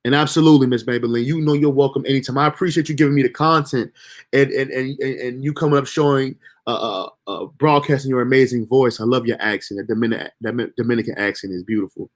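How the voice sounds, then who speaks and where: Talking fast in a medium-pitched voice, a young man streaming live delivers loose, slangy motivational self-talk laced with profanity as a casual monologue.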